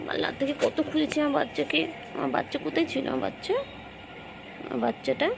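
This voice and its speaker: A woman with a gravelly, creaky voice coos doting baby talk at her cats, repeating pet names and soft commands. Faint noise hums behind her. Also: sits high, steady tone, fast talker. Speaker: pet vlogger.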